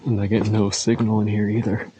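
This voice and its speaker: A man's voice: lowish voice, flat delivery, fairly quick, noisy background. A man talking casually and in awe to his camera as he explores alone, his voice echoing in a cave. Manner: awed, informal. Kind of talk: casual vlog chat, speaking to camera. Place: inside a lava tube cave.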